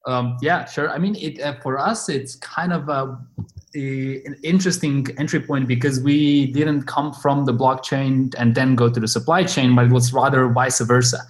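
A male company founder answering interview questions in a mid-pitched voice. He talks softly and haltingly, pausing often to find the right word. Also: steady tone, poor audio. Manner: soft-spoken, halting, searching for words. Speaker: company founder, podcast guest.

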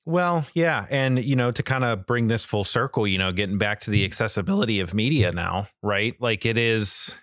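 In a dry, studio-quality recording, a man co-hosting a podcast speaks on the low side with lively intonation, a moderate pace, and few pauses. His tone is a bit bright as he chats emphatically about games and media using slang and mild swearing.

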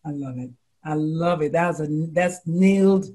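In a casual interview, an American woman of 40 or older who works as a doctor and life coach tells lively stories at normal speed. When she quotes people, she acts it out with high exclamations.

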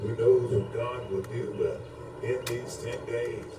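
A preacher leads prayer, fervently praying and exhorting off the cuff with repetitive, chant-like invocations. His medium-pitched voice is steady and slow. The room has a roomy echo and faint background noise.

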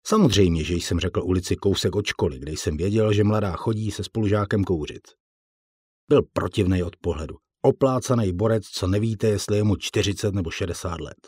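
A man's voice: low voice, darkish tone, breathy edge, no echo, clean studio sound. A man narrating an audiobook in the first person, in a blunt, colloquial way with casual swearing.

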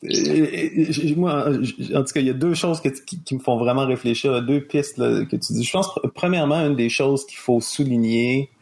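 Québécois male host, gravelly, mid pitch, reflective and halting. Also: a little mellow. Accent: Québécois French. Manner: thoughtful, many restarts and fillers. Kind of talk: casual discussion.

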